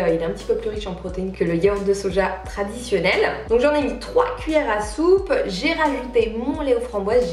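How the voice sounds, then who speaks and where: A woman in her thirties talks to the camera in a relaxed, chatty vlog and laughs off her own slip-ups. Her voice sits a little high. It is recorded in an echoey small home room with soft music underneath. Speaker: vlogger. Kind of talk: casual vlog chat and recipe narration. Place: small home kitchen and living room, indoors. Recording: roomy echo with light music behind.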